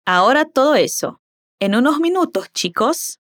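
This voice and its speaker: A Spanish teacher whose native language is Portuguese leads a lesson in a fairly high, very lively voice with wide swings in pitch. She models each word slowly and carefully, then asks the listener to repeat after her.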